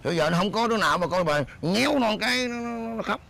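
A fast-talking, high-pitched husband with a gravelly edge, as a man acts him out bickers and scolds. He plays a scheming beggar in a stage comedy sketch. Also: expressive, pushed and bright, exaggerated voice. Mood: scolding. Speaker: comic actor.

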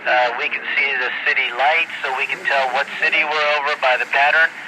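A man's voice: medium pitch, fairly even intonation, brisk. A man answering students' questions as an astronaut over a crackly space radio link that breaks up, speaking in plain, friendly explanations and ending each answer with "over". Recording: static-laden radio downlink from orbit.

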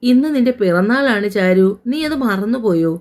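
A woman's voice: mid-range voice, animated, darkish tone, natural voice. A woman voicing a tender, bustling middle-aged mother in a family audio story. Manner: tender, hurried.

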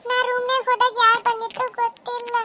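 Scared young bride, very high and teary, north karnataka kannada accent, cartoon. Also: female voice, completely flat delivery, fast talker, pushed and bright. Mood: frightened. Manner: high, tearful, anxious. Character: frightened young bride in a village.

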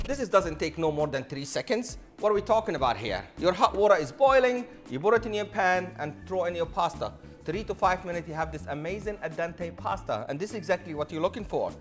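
Faint music plays behind a thirtysomething chef as he presents a cooking demo in a modern studio kitchen. His voice is high, animated and fairly quick, captured on a lapel mic. Showy and enthusiastic, he addresses the audience like a showman.

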